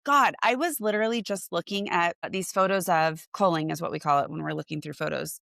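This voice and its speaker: Animated woman, low voice, dry close mic. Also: brisk, creaky, no echo. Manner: animated, acts out clients' excited reactions. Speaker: guest, portrait photographer. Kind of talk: casual interview chat.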